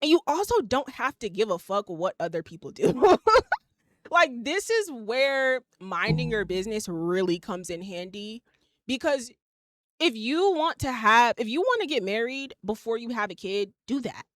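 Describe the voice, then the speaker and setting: Young woman going off on her podcast, cussing a lot, kinda high voice, dry close sound. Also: big pitch swings, normal speed, dry recording. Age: 20s. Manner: blunt, profane, emphatic ranting. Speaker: podcast host. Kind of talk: casual opinion monologue.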